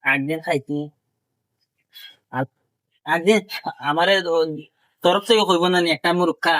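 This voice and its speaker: A man's voice: fairly high pitch, measured pace, fairly bright tone, no room sound. Offhand man chatting while cooking. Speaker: friend cooking on camera. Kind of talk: casual chat.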